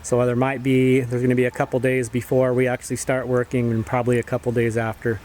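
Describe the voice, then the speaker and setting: A man's voice: mid-range voice, monotone, quick pace, darkish tone. A man talking casually to camera as a travel vlogger, giving updates on his trip. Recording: faint background noise on location.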